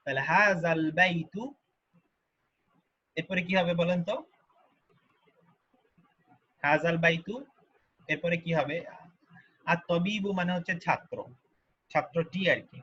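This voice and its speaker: A man teaching Arabic grammar in a lesson, who patiently repeats each form slowly and asks the learners questions. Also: fairly high pitch, sharp tone, husky, highs cut off. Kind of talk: online grammar lesson explained in Bengali.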